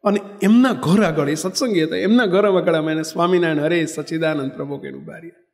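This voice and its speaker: A monk delivers a sermon as an unhurried story, speaking in a notably high voice for a man. He speaks conversationally and stops to fix his own slips. He addresses his listeners directly as he tells it. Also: long reverb tail. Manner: conversational, corrects himself mid-sentence. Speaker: monk and spiritual leader.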